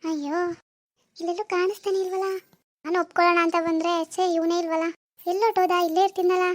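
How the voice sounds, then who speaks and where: A woman's voice: extremely high pitch, fairly even intonation, fast talker. A woman playing a lovestruck young college student in a village family drama, muttering anxiously to herself.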